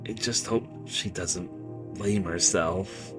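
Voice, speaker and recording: A man's voice: low-pitched, takes it slowly. A man voicing a dejected, self-blaming young intern from a game, hesitant and apologetic as he reads the dialogue aloud. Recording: music behind the voice.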